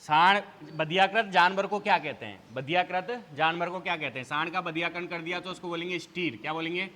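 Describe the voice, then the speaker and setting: A man's voice: high-pitched, a little fast, bright, forceful tone. A male teacher giving an exam revision lecture, asking a question, answering it, then asking again. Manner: quizzing students with repeated call-and-response questions. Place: classroom. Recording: hall reverb.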